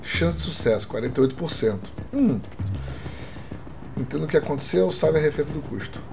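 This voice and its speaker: A man's voice: on the high side, lively intonation, a little fast, vocal fry. A man with a Brazilian accent doing casual let's play commentary, thinking aloud and reading out on-screen prompts. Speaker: gaming video host. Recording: loud game audio and music behind.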